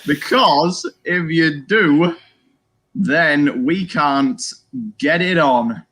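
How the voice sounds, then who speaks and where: Man putting on a creepy slasher-killer style seducer, very slow. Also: on the high side, a bit bright. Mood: creepy, flirtatious. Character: flirting male prisoner charming a guard, creepily slow and leering.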